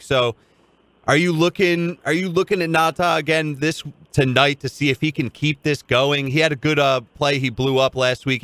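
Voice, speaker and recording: A man's voice: mid-range voice, fairly bright tone, no echo. A man hosting a sports talk show, putting conversational questions to a reporter. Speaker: sports radio host.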